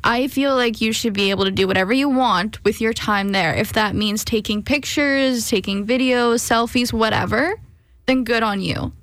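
Woman radio co-host chatting, fairly high voice. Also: normal speed, a bit bright, no room sound. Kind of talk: casual opinion chat.

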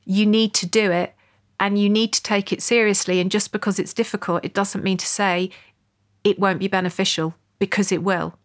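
A woman psychologist on a podcast explaining a case in a thoughtful, measured, earnest way. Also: mid-range voice, level tone. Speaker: psychologist co-host. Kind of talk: conversational explanation.

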